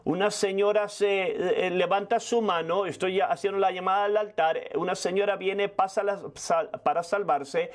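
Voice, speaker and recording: Older male preacher, high voice, rapid testimony-style sermon with restarts. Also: steady tone. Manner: fast storytelling with frequent restarts.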